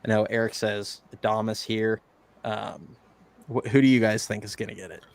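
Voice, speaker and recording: A man with a low, gravelly voice chats casually about sports as a podcast co-host. He jokes and laughs easily. The sound is close and dry. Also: steady tone, no echo. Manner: laughs often, quick joking asides.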